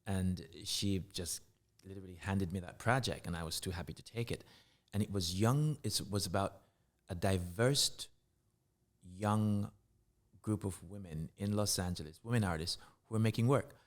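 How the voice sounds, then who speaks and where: A very low-voiced middle-aged man talks in an easy interview. He speaks reflectively and haltingly, often stopping and starting his sentences over as he recalls things. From Jamaica. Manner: reflective, halting, with frequent restarts. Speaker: guest artist and curator. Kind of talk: casual interview conversation.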